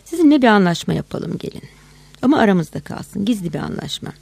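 A woman voicing a frustrated male policeman who pleads and then shouts angrily. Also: mid-range voice, big pitch swings, quick pace, creaky, husky, no echo, full character voice. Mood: coaxing. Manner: wheedling, then shouting curses.

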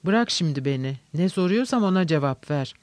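A man voicing an agitated, demanding young gentleman who presses insistently and sharply. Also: fairly high pitch, expressive, a little fast, no room sound, close to an everyday voice. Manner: insistent, sharp, shouting at times.

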